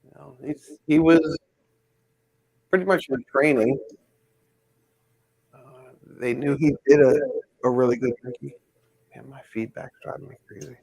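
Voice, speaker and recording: A man with a gravelly, mid-pitched voice chats casually, rambling and thinking aloud as he works. The sound is dry and close, with no room echo. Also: unhurried, pauses often, a little mellow. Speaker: pin collector host. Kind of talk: casual chat while hanging pins.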